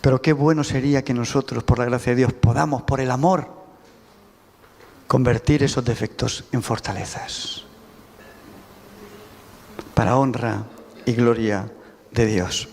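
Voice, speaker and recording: A man's voice: mid-range voice, fairly even intonation, unhurried, vocal fry, pauses often, a little mellow, a little hiss or hum. A man with a Spanish accent preaching a sermon, emphatic and putting rhetorical questions to the congregation. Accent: Spanish from Spain. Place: church sanctuary. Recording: reverberant church hall with faint music.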